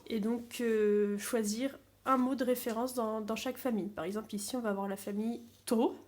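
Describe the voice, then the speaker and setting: A woman teacher calmly explaining a sound-sorting game step by step for young children's parents. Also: fairly high pitch, fairly quick. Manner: calm, simple step-by-step explaining. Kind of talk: classroom game explanation video.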